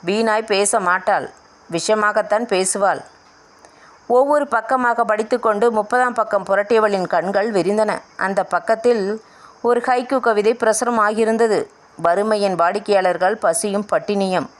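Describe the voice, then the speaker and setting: A woman's voice: medium pitch, normal speed. A woman reading a family novel aloud as an audiobook narrator, voicing the dialogue in her own voice.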